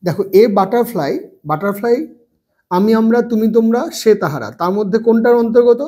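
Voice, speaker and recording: A man teaching English grammar to children, slowly repeating phrases and spelling words out letter by letter. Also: high-pitched, animated, warm tone. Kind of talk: bilingual grammar lesson.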